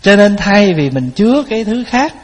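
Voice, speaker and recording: A man's voice: high-pitched, very animated, normal speed. A man giving a Buddhist dharma talk, telling stories in a folksy way and addressing his listeners directly. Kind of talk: sermon. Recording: hall with long reverb.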